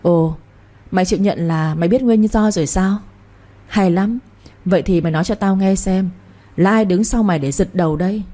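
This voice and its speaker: Woman doing a nasty crime boss lady, deep, mean, sneery, kinda husky. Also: normal speed, natural voice. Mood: sneering. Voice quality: deep warm voice with a sharp, shrewish edge. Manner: sneering and commanding. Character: scheming older woman crime boss, cruel, shrewish.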